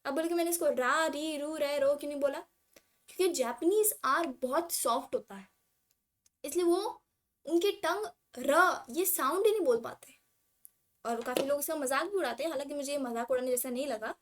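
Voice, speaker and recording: Speaking in a high pitch, a woman from India teaches an informal language lesson, reading syllable charts aloud slowly and weaving English words into her talk.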